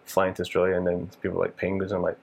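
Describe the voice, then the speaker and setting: A man hosting a casual chat, asking short questions with a deadpan sense of humor. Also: low voice, very fast, gravelly.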